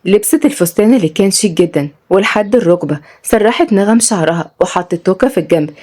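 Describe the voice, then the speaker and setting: Fast-reading Egyptian woman storyteller. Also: mid-range voice, expressive, darkish tone. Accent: Egyptian Arabic. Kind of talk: scripted story narration.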